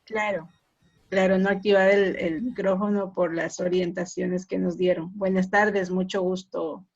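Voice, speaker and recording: A woman from Ecuador, a university lecturer, speaking in a measured, reflective way as she asks a question on a video call. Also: on the low side, level tone, darkish tone. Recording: muffled lo-fi video call audio.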